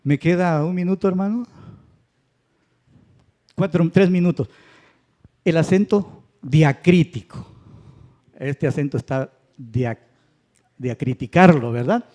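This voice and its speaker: Male teacher, slightly high-pitched, unhurried classroom lecture, keeps checking that students follow. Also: dark tone. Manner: patient, checks understanding with tag questions. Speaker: Spanish grammar teacher. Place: church classroom.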